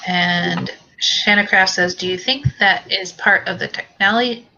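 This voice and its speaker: A woman's voice: medium pitch, measured pace, pushed and bright, lo-fi sound, slight background noise. A woman hosting a live talk stream, reading out viewer questions. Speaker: host.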